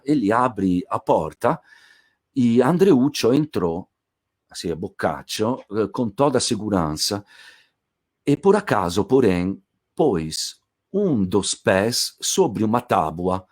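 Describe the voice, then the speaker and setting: A man casually retelling a classic tale aloud, animated and playful. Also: lowish voice. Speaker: storyteller.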